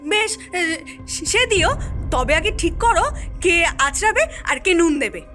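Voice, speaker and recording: A woman's voice: very high voice, expressive, moderate pace, sharp tone, faint music behind, heavily acted. A woman voicing a frightened young housewife in a cartoon, stammering in fear. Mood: anxious. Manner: stammering, fearful. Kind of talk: cartoon voice acting.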